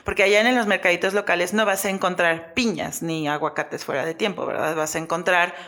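A woman with a Mexican accent, a guest in a casual chat, telling animated stories with lots of fillers and laughter. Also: lowish voice, fairly quick. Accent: Mexican Spanish.

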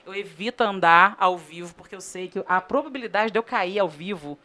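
A woman's voice: mid-range voice, a little fast. A Brazilian woman, a TV news editor, telling funny work stories in a casual podcast chat. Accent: Brazilian Portuguese. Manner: lively storyteller, laughs while telling anecdotes.

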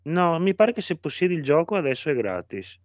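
Brief: mid-pitched man, hedging casual chat, dry recording. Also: sing-song, a little fast, dry recording, lo-fi sound. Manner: tentative, hedging.

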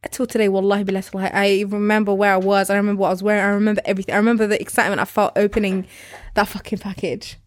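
Animated fast-talking young woman. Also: mid-range voice, no echo. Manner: animated storyteller, swears often, acts out quotes. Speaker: podcast co-host. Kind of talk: casual chat with friends.

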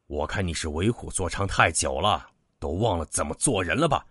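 A man voicing a bold, hot-tempered demon hunter who speaks loudly and bluntly. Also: deep voice, animated, a little fast, no room sound, studio quality. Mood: scolding. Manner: loud, blunt and taunting.

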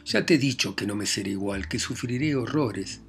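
A man's voice: on the low side, moderate pace, soft background music, close to an everyday voice. A man reading a bitter, tormented young woman. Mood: pained. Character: bitter, tormented young woman pushing her lover away.

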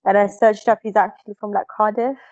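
A woman's voice: medium pitch, flat delivery, fairly quick, darkish tone, no echo, highs cut off. A woman co-hosting a casual chat, talking enthusiastically about a show she recommends. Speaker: podcast co-host.

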